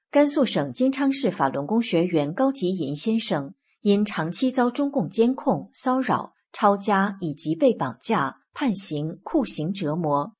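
A woman reading scripted news reports in a steady, formal manner. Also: medium pitch, husky. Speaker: news reader.

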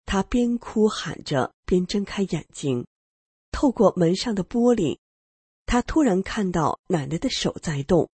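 A woman narrating a first-person story on a radio program, earnest and expressive. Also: medium pitch, unhurried, slightly rough, no room sound.

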